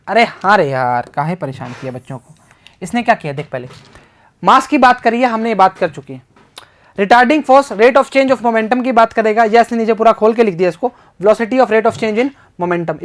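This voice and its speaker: A man tutoring physics in a casual exam-prep lesson. He solves problems aloud, reads out the questions with English terms mixed in, and keeps joking and talking to himself and his students. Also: sits high.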